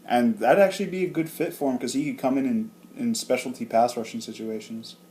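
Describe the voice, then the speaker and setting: Animated man in casual sports chat. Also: medium pitch, brisk, a little hiss or hum. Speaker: co-host.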